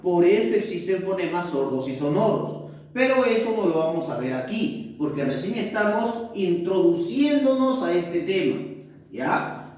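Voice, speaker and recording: A male teacher giving a classroom lesson, often checking in with tag questions and pausing with fillers. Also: high-pitched, darkish tone. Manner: hesitant, with many fillers. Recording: echoey room, far from mic.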